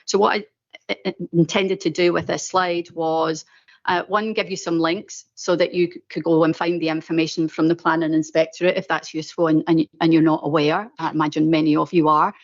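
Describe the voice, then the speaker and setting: A woman with a Glaswegian accent giving a semi-formal update at a meeting, pausing often mid-sentence in a hesitant way. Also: sits low, little pitch movement, dull audio. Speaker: presenter of a planning update at a meeting.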